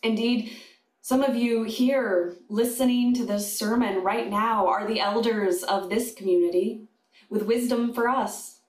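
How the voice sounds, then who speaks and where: A woman chaplain delivering a sermon to a congregation, slow and deliberate with pauses. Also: a little high, steady tone, darkish tone. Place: congregation sanctuary. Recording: echoey room.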